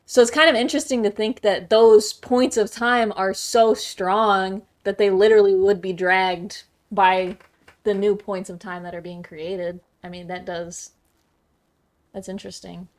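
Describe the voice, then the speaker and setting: A woman's voice: mid-range voice, steady tone, unhurried. Thoughtful woman in casual podcast chat. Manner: thoughtful and conversational, with some stumbles.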